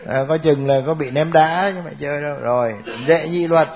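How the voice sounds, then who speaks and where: A man's voice: a little high, brisk. A man teaching a Bible class, joking and laughing with his students.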